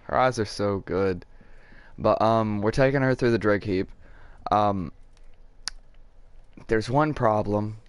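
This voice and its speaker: A hoarse young man giving excitable, profanity-filled commentary while streaming a game live and chatting with viewers. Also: lowish voice, slow, long pauses, no room sound. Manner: excitable, swears a lot, talks to chat. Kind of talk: casual live gameplay commentary.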